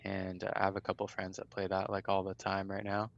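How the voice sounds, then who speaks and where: A man in his late twenties from California chats as a podcast guest, relaxed and easygoing. His voice is low and unhurried. The sound is close and dry. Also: creaky, dry recording, lo-fi sound. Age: 20s. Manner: chill, easygoing, laid-back. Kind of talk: casual podcast chat.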